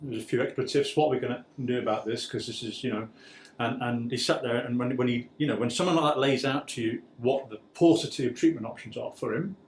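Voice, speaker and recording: A man's voice: mid-range voice, fast, a little hiss or hum. A man who works in disease research, explaining the science and the disease in a thoughtful interview. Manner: explanatory, thoughtful, frequent "you know". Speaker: medical researcher. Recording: echoey room with faint ambience.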